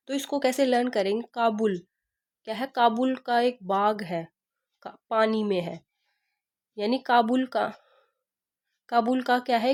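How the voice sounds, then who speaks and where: A woman's voice: a little high, a little mellow. A woman teacher gives an exam-prep lesson, repeating each question and answer and teaching memory tricks. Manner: repeats questions and answers, asks rhetorical "kya hai?".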